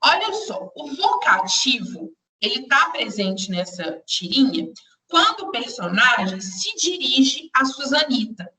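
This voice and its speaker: A woman teaches a live online class, her bright, slightly high voice going over each point again and again for her students. She sits a little away from her computer mic, so the voice comes across roomy and echoey. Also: big pitch swings, slow, far from the mic. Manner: patient, repeats explanations, addresses students directly.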